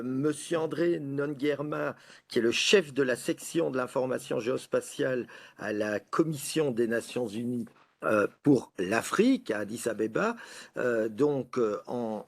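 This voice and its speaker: A man moderating a panel, introducing speakers in an unhurried way with informal asides and many fillers. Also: medium pitch, vocal fry, a little mellow.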